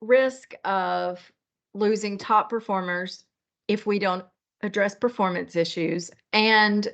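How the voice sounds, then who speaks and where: A woman talking through a work issue in a casual meeting, thoughtful and measured, with the hiccups. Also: mid-range voice. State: has the hiccups. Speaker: manager in a work discussion. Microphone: video call. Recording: dull lo-fi meeting call.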